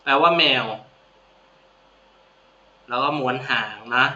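Thai guy teaching a class, repeats words slow, bright tense voice, roomy dull recording. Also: mid-range voice, a little hiss or hum. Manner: friendly, repeats words slowly for students to copy. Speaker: Japanese language teacher. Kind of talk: casual classroom-style video lesson. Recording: echoey room, dull lo-fi sound.

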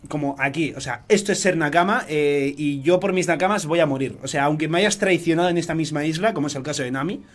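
Young man, excitable, slightly high voice, casual chat. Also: fast, few pauses. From Spain. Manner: excitable, swearing, repetitive. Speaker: channel host.

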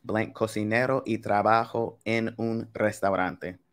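A young man gives a live online Spanish lesson framed as a game, speaking straight to viewers from his home webcam. His voice is lowish, his tone steady and his pace measured. He's casual and chatty, talking with the chat and calling them y'all.

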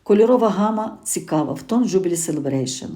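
Woman with a soft dark voice. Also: fairly low pitch, lively intonation, fast talker. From Ukraine. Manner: warm conversational, with hesitations and self-corrections. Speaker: gardening channel host. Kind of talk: casual spoken garden review.

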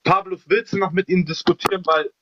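Man pleading for calm, muffled. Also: high-pitched, a little fast, slight background noise.

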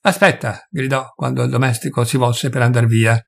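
A man reading a literary short story aloud in measured audiobook narration. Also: medium pitch, flat delivery, creaky. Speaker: reader.

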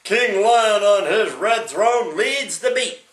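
Slow, lively older man reading aloud. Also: high-pitched, roomy sound. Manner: slow, lively storybook reading with animal sounds. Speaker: great-grandfather reading aloud. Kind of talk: reading a picture book to a child.

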